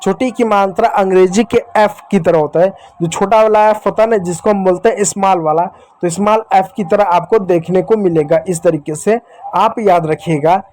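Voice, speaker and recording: Patient high-voiced man teaching Hindi letters. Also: darkish tone, no echo. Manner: patient, drills sounds slowly and repeats them, addresses viewers as children. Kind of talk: beginner Hindi reading lesson.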